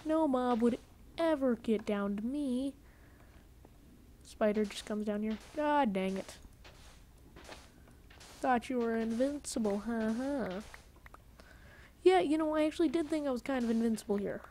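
A woman giving casual gameplay commentary in a goofy, rambling way, with lots of "like" fillers, jokey self-mockery and sudden excited outbursts. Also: fairly high pitch, moderate pace, slight background noise. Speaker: gaming channel host.

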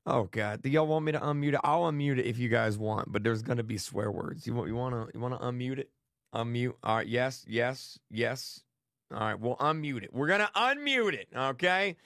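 A man's voice: mid-range voice, fairly quick, gravelly, no echo, clean studio sound. A man hosting a gaming stream, chatting casually and rambling to his viewers with lots of restarts. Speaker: gaming channel host.

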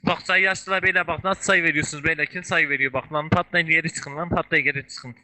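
A man with a bright, sharp voice fires off short commands over game voice chat, repeating each order again and again. He talks fast and sits a little high in pitch as he steers his team through the fight. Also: steady tone, low-quality recording. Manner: rapid, repetitive barked orders. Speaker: guild leader calling orders. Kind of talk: live voice-chat commands during an online game battle.

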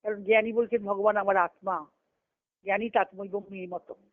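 Heard through muffled, lo-fi conference-call audio that is otherwise dry, a woman with a mid-range voice speaks at normal speed and fairly even intonation. As a spiritual teacher, she explains a devotional scripture phrase by phrase, repeating key parts over the call line.

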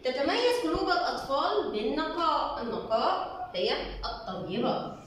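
Woman, Egyptian Arabic accent, schoolteacher, slow patient explaining, quite high voice, very echoey room, distant mic. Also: big pitch swings, a bit bright, slight background noise. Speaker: primary school Arabic teacher. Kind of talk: recorded classroom lesson.

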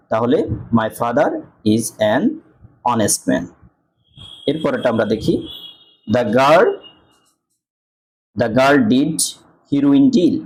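A man with a Bangladeshi accent teaching English articles, reading example sentences slowly and answering his own questions. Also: medium pitch, darkish tone, husky, rough recording. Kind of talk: grammar lesson.

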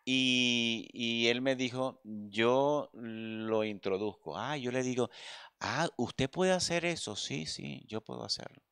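A man's voice: mid-range voice, slow, gravelly, a bit bright, smooth, no room sound. Earnest preacher man, dry close sound. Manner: earnest, addresses listeners as brother. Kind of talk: sermon with personal testimony. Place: church.

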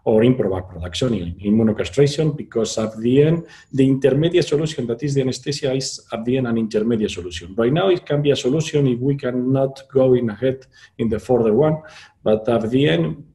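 A man's voice: mid-range voice, fairly quick, mellow. A man giving panel remarks in a webinar, restarting phrases often, with non-native phrasing.

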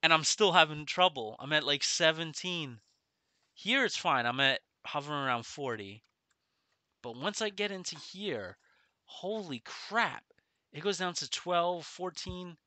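Male game streamer, middle-aged, very bright forceful voice, mouth numb from the dentist, casual delivery, dry close sound. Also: a little high, expressive, a little slow, no echo. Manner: speaking oddly with half his face numb from the dentist. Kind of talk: casual gaming livestream chat. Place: small room at home, indoors.

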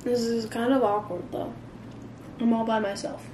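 A woman's voice: fairly high pitch, flat delivery, moderate pace, roomy sound, background noise. A young woman chatting casually, joking at her own expense. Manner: self-mocking, joking. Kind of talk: casual vlog chat.

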